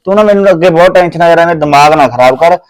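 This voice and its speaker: A man's voice: a little high, very fast, clean tone, lightly acted. An actor playing a scheming young village man plotting over land, with a Punjabi accent, insistent and argumentative. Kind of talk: Punjabi village short film acting.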